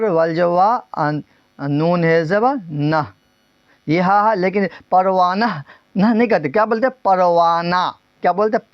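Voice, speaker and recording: A man's voice: high voice, no echo, muffled recording. Man drilling a grammar lesson. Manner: drills terms, asks and repeats answers; stretches words slowly, then speeds up. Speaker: teacher.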